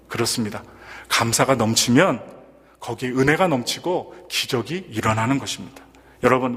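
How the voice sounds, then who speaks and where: A male pastor preaching a sermon, telling a story with animated emphasis and rhetorical questions to the congregation. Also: mid-range voice, husky, in a large hall. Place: church sanctuary.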